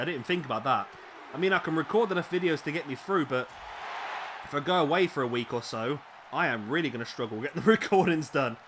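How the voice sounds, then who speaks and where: Commentating a wrestling video game, a man with a medium-pitched, slightly raspy voice gives the play-by-play. Big moves set him off excitedly, and he tosses in chatty asides over background noise.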